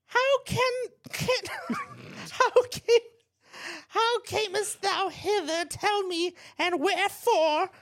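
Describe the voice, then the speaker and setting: A woman's voice: very high voice, takes it slowly, fairly bright tone, pitched above the performer's own voice, full character voice. A woman reading a young heroine's lines in classical verse while doing the voice of an old hag, theatrical and giggly. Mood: shrill, hammy. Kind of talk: comic script read-aloud.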